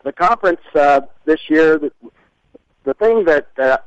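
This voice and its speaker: A man with a head cold explaining things as an expert radio guest, halting, thoughtful and long-winded. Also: fairly high pitch, animated, clear, resonant tone, dry recording. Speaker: interview guest, environmental scientist. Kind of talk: explanatory radio interview talk. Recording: dull lo-fi radio sound.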